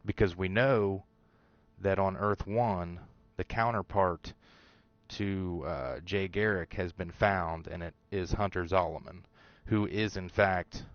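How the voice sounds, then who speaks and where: A man's voice: low-pitched, fairly even intonation, takes it slowly, no room sound, lo-fi sound. A man hosting a show, casually talking through his theories about a TV episode, rambling with fillers and restarts. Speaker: show host.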